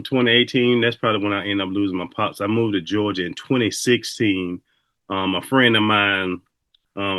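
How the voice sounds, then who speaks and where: Casting: a male host with a low, bright voice who talks in a reflective, conversational way. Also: no room sound. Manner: reflective, conversational, loose storytelling. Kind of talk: casual interview conversation.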